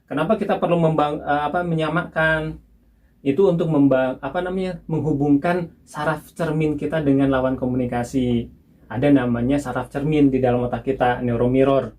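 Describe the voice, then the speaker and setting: A young man calmly explaining to his wife in casual conversation, giving examples and laughing now and then. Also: on the high side, moderate pace. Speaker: husband teaching his wife. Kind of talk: casual instructional chat.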